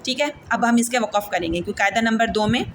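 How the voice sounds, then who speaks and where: Pakistani lady quran teacher, kinda high voice, patient, keeps asking the class stuff, bit of hiss. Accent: Pakistani Urdu. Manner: patient, repeats and asks the class questions. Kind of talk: online lesson, drilling letters and vowels.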